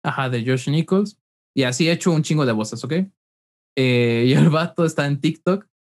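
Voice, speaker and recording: A young man with a Mexican accent, co-hosting a podcast in casual, slang-heavy chat. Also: medium pitch. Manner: slangy, says "güey" constantly. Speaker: podcast co-host.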